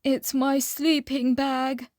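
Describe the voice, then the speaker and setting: A woman's voice: sits high, level tone, takes it slowly, a little mellow, no echo, clean studio sound, pitched above the performer's own voice. A woman voicing a tearful, forlorn fox in a children's storybook.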